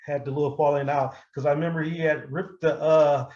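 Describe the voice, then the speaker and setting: A hip-hop artist from Milwaukee tells casual stories during an interview, his high American voice coming through a muffled recording. He talks a little fast, animated and profane, often bursting into high-pitched laughter.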